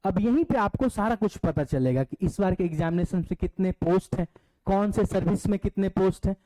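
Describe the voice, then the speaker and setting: A man's voice: sits high, mellow, poor audio. A man with an Indian accent teaching an online demo class, explaining step by step and asking the class questions. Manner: reads syllabus points aloud slowly in English.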